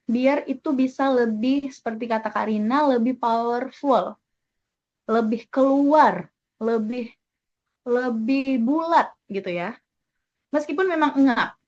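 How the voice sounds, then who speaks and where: A woman's voice: on the high side, lo-fi sound. A woman leading an online webinar, chatting casually and thanking participants by name as she teaches. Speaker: webinar trainer.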